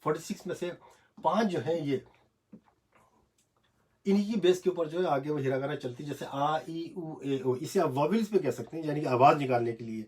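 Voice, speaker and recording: A man teaching Japanese script in a casual, halting home video lesson, recorded on a phone in a small cramped room. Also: a little high, a little mellow, husky. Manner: hesitant, many fillers, repeats syllables slowly.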